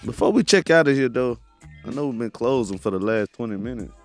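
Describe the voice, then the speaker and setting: A man co-hosting a podcast in relaxed, profane chat, laughing often. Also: mid-range voice, fairly quick, soft background music. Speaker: podcast host.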